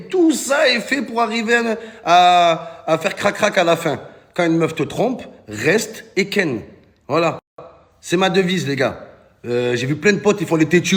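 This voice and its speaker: A male comedian, telling comic stories to camera in animated slang and hailing the guys. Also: fairly high pitch, gravelly. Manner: animated slangy storytelling, addresses viewers as "les gars".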